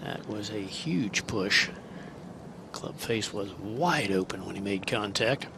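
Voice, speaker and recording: Male golf analyst with loud outdoor background. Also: lowish voice, animated, takes it slowly, gravelly, background noise. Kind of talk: conversational golf analysis commentary. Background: loud outdoor ambience.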